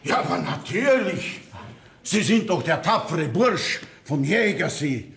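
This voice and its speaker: Flustered chatterbox, stammering, gossipy, lively, stage play. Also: male voice, fairly high pitch, unhurried, gravelly, full character voice. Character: fussy excitable chatterbox man who blabs secrets. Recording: echoey theater stage.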